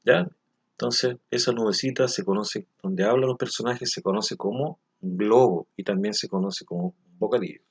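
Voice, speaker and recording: A man with a lowish, husky voice teaches a recorded language lesson for children. He explains things slowly and patiently, often pausing to check whether the listener is following.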